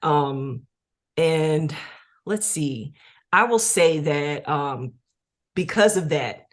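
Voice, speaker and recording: A woman's voice: low voice, animated, very slow. A woman, a music executive producer, talking casually as an interview guest, with lots of fillers and easy laughter. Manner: chatty, many fillers, laughs easily.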